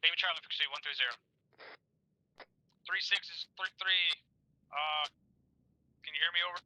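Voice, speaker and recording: A man's voice: on the high side, normal speed, bright, forceful tone, no echo. A man giving clipped military radio calls over a helmet radio as a squad leader in a game. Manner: clipped procedural radio phrasing. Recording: noisy radio voice chat.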